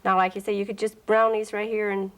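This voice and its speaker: A woman walks through a recipe on a 1980s television show. She talks in a plainspoken, instructive way, at a middling pitch. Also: flat delivery, fast talker, rough recording. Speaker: guest cook. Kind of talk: cooking demonstration. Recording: 1980s TV broadcast audio.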